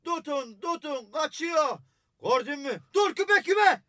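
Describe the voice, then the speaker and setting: An actor playing an excitable, gossipy cook and former wrestler in a radio drama. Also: male voice, very high-pitched, moderate pace, dry recording, clean studio sound. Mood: alarmed. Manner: excitable, wailing, chattering.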